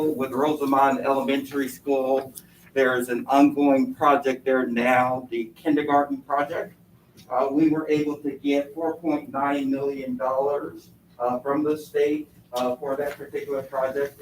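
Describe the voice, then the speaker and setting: In an echoey room with faint background noise, a man gives a formal presentation through a face mask. His voice is a little muffled. He explains in a measured, wordy way, like a consultant addressing a board. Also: mid-range voice, far from the mic. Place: indoor board meeting room.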